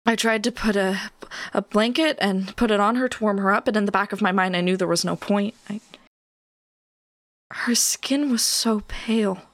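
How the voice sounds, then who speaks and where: A woman playing Ivory, a raw and volatile grieving young woman who speaks in halting, stammering bursts in an audio drama. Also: mid-range voice, steady tone, dry recording, lightly acted. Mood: despairing.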